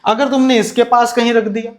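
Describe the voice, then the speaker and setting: A man's voice: extremely high pitch, flat delivery. A young man teaching physics in a lecture, calling students "beta" and asking questions he then answers himself. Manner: slows down to dictate notes in English. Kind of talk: classroom lecture with animation.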